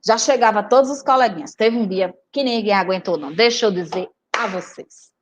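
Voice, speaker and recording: A woman from Recife, a teacher and writer giving a lively storytelling talk and speaking straight to her audience. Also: medium pitch, fairly quick, lo-fi sound. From Recife, Brazil. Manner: animated, chatty, addresses audience directly.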